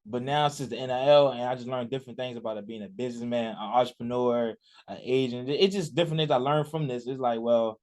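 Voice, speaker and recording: A college athlete in his early twenties from Richmond, Virginia answers a radio interviewer in a loose, rambling way, full of fillers and restarts. His medium-pitched voice is steady and slightly dark, and he talks quickly with few pauses.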